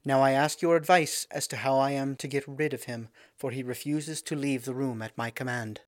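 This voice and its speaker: A man's voice: mid-range voice, fairly even intonation, moderate pace, dry recording, studio quality, lightly acted. A man voicing a proud young queen in a storybook reading, speaking in a haughty, commanding way.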